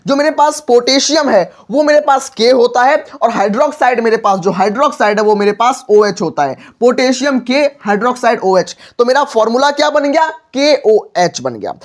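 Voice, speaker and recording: A male teacher giving a lively exam-prep chemistry lecture, asking rhetorical questions and repeating phrases to drive points home. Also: very high voice. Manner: repetitive, rhetorical questions, filler phrase "mere paas". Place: online class video.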